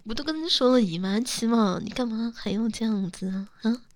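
A young woman acting a teasing, coaxing young woman who calls herself big sister, in an intimate role-play audio spoken close to the mic with soft whispers. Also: on the high side, brisk, lightly acted.

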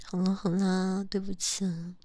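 A woman's voice: mid-range voice, flat delivery, a little slow, dark tone, no echo, natural voice. A woman in a whispered role-play, voicing a jealous, possessive young lover who scolds and then coaxes close to the ear. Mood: sweet coaxing.

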